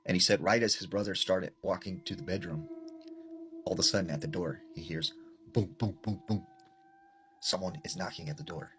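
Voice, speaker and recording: Low-voiced man telling a scary story. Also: a little fast, slight background noise. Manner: relaxed, rambling with many "like" fillers, dropping low and quiet for tense moments. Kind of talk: casual retelling of a scary story.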